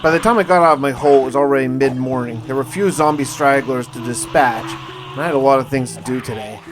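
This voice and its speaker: A man with a medium-pitched voice speaks quickly, narrating a gaming survival story as a scripted first-person log. He's a gaming video host telling a role-play survival series with dramatic storytelling flair. Music plays in the background.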